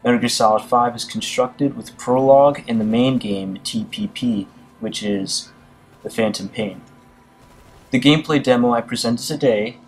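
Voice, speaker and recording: In a rough recording, a man with a mid-range voice talks casually through gaming news for a video, reading articles aloud. His delivery is full of hesitations, fillers, and restarts.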